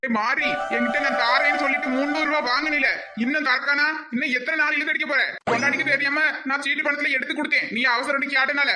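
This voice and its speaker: A man's voice: extremely high pitch, steady tone, fast talker. A man voicing a grumbling working-class man in a cartoon, nagging angrily about money. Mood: angry. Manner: angry, nagging complaint.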